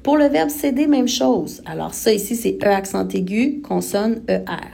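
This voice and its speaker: A woman's voice: medium pitch, moderate pace, creaky, dark tone, breathy edge. A woman with a Québécois accent teaching a recorded grammar lesson, patiently spelling out letters and verb endings step by step. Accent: Québécois French. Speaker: French teacher.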